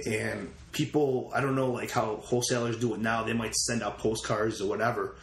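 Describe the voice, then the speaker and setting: A man's voice: fairly low pitch, fairly even intonation, moderate pace. A man, a real estate investor guest, casually telling stories and retelling his conversations with quoted lines. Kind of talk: casual storytelling interview. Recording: roomy echo with faint ambient noise.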